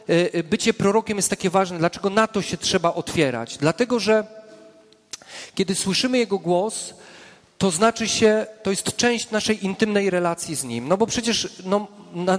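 A man with a notably high voice delivers an earnest sermon mixed with prayer. He slows down and drops low to stress his points. The sound carries a long reverb, as in a large hall. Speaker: preacher.

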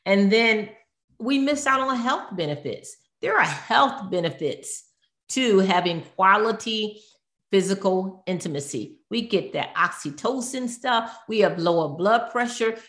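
With a mid-range, slightly bright voice, this therapist guest speaks in an animated yet unhurried manner. Her expert talk is earnest and conversational, frequently pausing to find words or fix a sentence midway. A roomy echo fills the recording.

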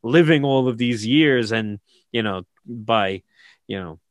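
A man casually retelling a film plot with lots of fillers and animated asides. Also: medium pitch, slow pace, dry recording.

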